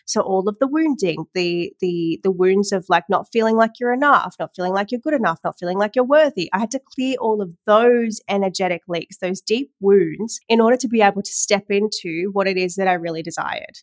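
This women's empowerment coach, a young woman, talks solo on her live-streamed podcast at a brisk pace with few pauses. Her medium-pitched voice is slightly nasal, and her earnest, chatty delivery is full of fillers and restarts, with no room sound.

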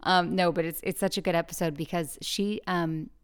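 A woman hosting a podcast in casual, chatty talk, recorded alone in a huge, high-ceilinged room with lots of echo on a portable travel mic. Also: fairly even intonation, normal speed, smooth. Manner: chatty and bubbly, jokey asides. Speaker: podcast host. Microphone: portable travel microphone.

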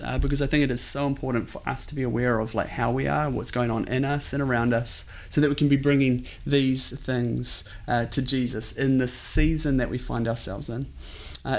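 A man with a New Zealand accent giving a conversational sermon as a pastor, earnest and informal, often repeating his phrases. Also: medium pitch. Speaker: pastor preaching to an online congregation.

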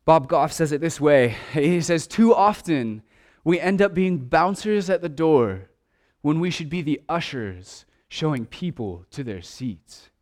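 A man preaching a sermon in an earnest way, stumbling over restarts and at times dropping to a hushed voice. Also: on the high side, expressive, measured pace. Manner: earnest preaching with repeated restarts, dropping to a hush for quiet asides. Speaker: pastor.

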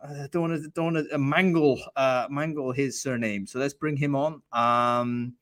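A man hosts a live online recruiting show, chatting casually and enthusiastically with many fillers and restarts. His mid-range, fairly bright voice keeps fairly even intonation at a moderate pace. The sound is dry and studio-clean.

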